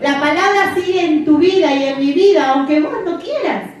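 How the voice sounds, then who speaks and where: A middle-aged woman pastor preaches a sermon in a church, her high-pitched voice animated and at normal speed. She speaks emphatically and repeats phrases for effect. The recording is echoey and captured from a distance.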